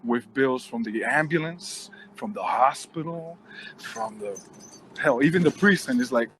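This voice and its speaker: A man hosting a show, telling a funny work story in a casual, animated way and acting out what people said. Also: mid-range voice, unhurried, slight background noise, rough recording. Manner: animated, expressive, acts out quotes. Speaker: host.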